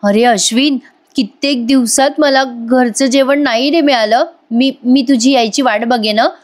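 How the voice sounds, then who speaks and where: A woman's voice: fairly high pitch, steady tone, moderate pace, natural voice. Fake-sweet young schemer, melodramatic, sugary, read by a woman reviewer.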